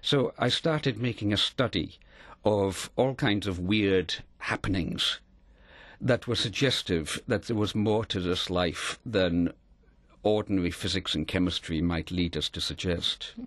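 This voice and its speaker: Middle-aged man from Scotland, very low voice, dry close sound, earnest measured storyteller. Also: fairly bright tone, no room sound. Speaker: interview guest. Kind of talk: reflective storytelling in an interview.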